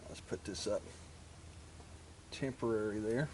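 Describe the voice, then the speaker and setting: Working with his hands, a man demonstrates installing motorcycle gear in a plain-spoken, casual tutorial for his vlog. He talks a little slowly in a lowish, darkish voice, and the low-quality recording clearly picks up surrounding and vehicle sounds.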